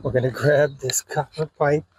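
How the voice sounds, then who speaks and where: A hobbyist video host with a voice on the high side gives a casual, hands-on demonstration in informal, folksy language. He speaks steadily at a moderate pace, with clear background noise and ambient sound in the recording.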